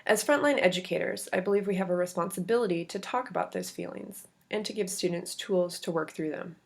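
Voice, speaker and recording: A woman presents a prepared paper at a conference, measured and steady, with brief asides between quoted passages. Her voice sits low and carries a gravelly fry. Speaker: academic presenter.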